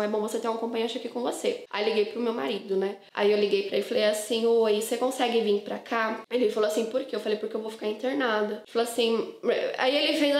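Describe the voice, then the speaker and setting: A woman with a Brazilian Portuguese accent telling her personal testimony to viewers in an earnest, emotional, casual way, often repeating words. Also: fairly high pitch. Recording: echoey room.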